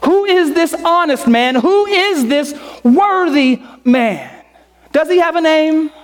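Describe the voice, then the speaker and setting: Woman preacher, sermon delivery, unhurried, emphatic repetition, rhetorical questions. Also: sits high, lively intonation. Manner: slow, emphatic, repeating phrases, rhetorical questions.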